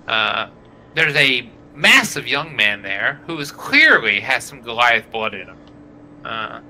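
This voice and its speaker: Bright-voiced, slow game master. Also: male voice, medium pitch, slight background noise, rough recording. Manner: rambling, many fillers, voices innkeeper and villagers. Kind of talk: narrating a tabletop game on a live stream.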